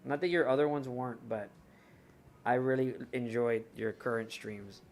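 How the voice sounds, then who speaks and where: A man's voice: mid-range voice, normal speed, a little mellow. A young man streaming live, chatting casually and rambling to his viewers while he looks through his cards. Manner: rambling, chatty, talks to chat while browsing.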